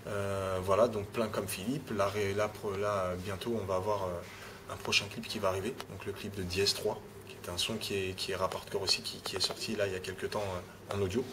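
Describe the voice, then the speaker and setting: A man's voice: low-pitched, level tone, a little fast, background noise. A man, a rapper being interviewed, talking casually and often restarting his phrases with "tu vois". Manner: repeats words, restarts phrases, adds "tu vois".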